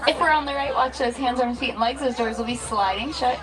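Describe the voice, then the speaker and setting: A woman's voice: fairly high pitch, a little fast, a crowd in the background. A woman from Texas working as a safari guide, giving welcoming scripted tour narration to riders on a truck. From Dallas, Texas. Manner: welcoming, addresses riders as friends. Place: outdoor open safari truck.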